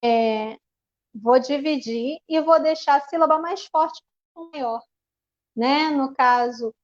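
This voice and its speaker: A woman's voice: sits high, slow, highs cut off. A woman teacher with a Brazilian Portuguese accent explains a classroom activity over a video call, with many restarts and fillers. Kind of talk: online panel presentation. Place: home.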